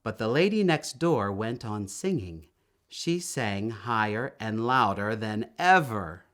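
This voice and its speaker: A lowish male voice narrates a children's story, taking an expressive and deliberate approach typical of a storybook reader.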